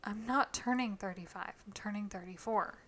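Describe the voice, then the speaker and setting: A woman in her thirties hosting a podcast, chatty and quick to laugh. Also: mid-range voice, a bit bright, a little hiss or hum. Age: 30s. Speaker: podcast host. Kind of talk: casual chat.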